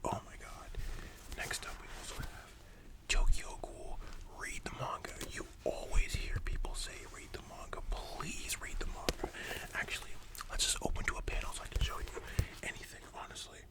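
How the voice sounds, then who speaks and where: A person in a whispered role-play as a chatty, enthusiastic library worker, speaking in a soft, breathy library whisper with a casual, gushing manner. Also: normal speed, close to an everyday voice. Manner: hushed, casual, gushing, conversational.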